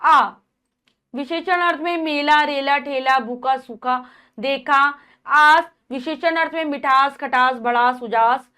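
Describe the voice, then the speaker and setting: Woman teacher reading out word lists. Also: high voice. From India. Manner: reads word lists in a steady rhythm, pausing to explain. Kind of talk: reading out a grammar lesson.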